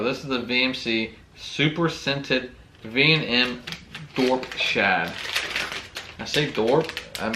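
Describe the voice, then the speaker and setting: A man's voice: mid-range voice, bright, forceful tone, roomy sound, slight background noise. A man hosting a fishing channel, casually unboxing tackle and talking with enthusiasm, often saying "really, really.".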